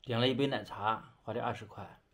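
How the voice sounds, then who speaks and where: A man's voice: medium pitch, fairly even intonation, a little fast, fairly bright tone. A young adult man from China chatting casually as he eats, talking with his mouth full and chewing between phrases. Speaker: vlogger. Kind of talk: casual chat while eating. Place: small indoor bedroom.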